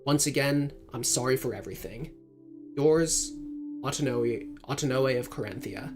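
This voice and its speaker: Formal letter writer, regretful and polite, as a streamer reads it aloud; mid pitch, soft music under. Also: normal speed, close to an everyday voice.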